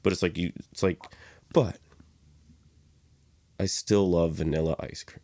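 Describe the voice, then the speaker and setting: A young podcast co-host chats casually. He rambles in an animated way and laughs often. His voice is deep and dry. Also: a little slow, no room sound. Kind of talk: casual chat.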